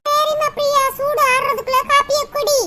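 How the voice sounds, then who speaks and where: A woman puts on a homely elder sister-in-law who fusses over the family in a gentle, motherly way. Her voice is very high, over a steady hiss. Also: normal speed. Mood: caring. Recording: noisy recording with steady hiss.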